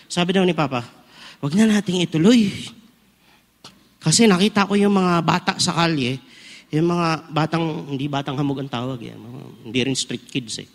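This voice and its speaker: A man in his forties preaching at a conference, telling funny personal stories and asking the crowd questions. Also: a little high. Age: 40s. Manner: animated, humorous storytelling, asks the crowd questions. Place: large indoor conference hall. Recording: long reverb of a large hall.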